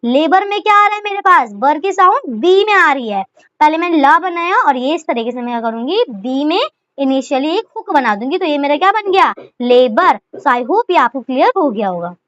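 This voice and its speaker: A woman teaches shorthand step by step, her voice sitting high with lively intonation, a fairly bright tone and a moderate pace. As she writes she keeps saying "ठीक है" and posing rhetorical questions to herself. The tutorial has a dry, dull lo-fi sound.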